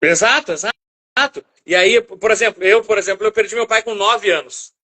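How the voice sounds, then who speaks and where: A man hosting a live interview, chatting casually and reacting quickly to his guest. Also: sits high, pushed and bright. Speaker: live show host.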